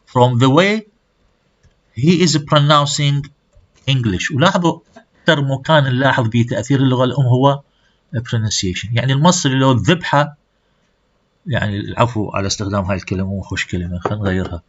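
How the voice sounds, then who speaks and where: A man teaches a class at a middle pitch, stepping through examples as he moves between two languages. The recording is dull and a little lo-fi. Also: a little fast, breathy edge. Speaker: language lecturer. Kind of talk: classroom lecture mixing Arabic and English.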